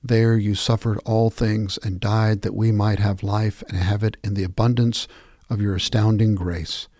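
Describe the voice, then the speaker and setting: Low, breathy-voiced man reading scripture. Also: no room sound, clean studio sound. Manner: measured, reverent, steady reading. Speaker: scripture and prayer reader. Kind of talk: devotional scripture reading and prayer.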